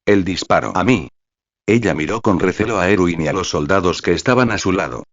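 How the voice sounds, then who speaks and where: A man's voice, synthetic-sounding, reads a fan fiction audiobook in an even, flat way. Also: sits low, a little fast, no echo. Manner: even, flat reading that spells out web addresses. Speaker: narrator. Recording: dry, slightly dull lo-fi sound.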